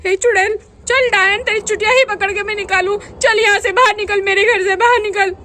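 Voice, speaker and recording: Lady doing an angry wife yelling insults in a doll story, very high bright voice. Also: fairly even intonation, a little fast, slight background noise. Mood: furious. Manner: shouting, scolding insults. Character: furious betrayed village wife.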